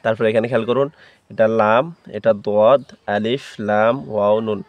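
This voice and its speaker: A man with a low, fairly monotone voice, clear and smooth, teaching Quran recitation step by step. He names each letter and mark, then sings out the syllables long and loud. The sound is close and dry, a little dull. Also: fairly quick, dry recording. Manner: spells letters aloud, then chants syllables loudly and drawn out. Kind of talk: spelling-out Quran recitation lesson.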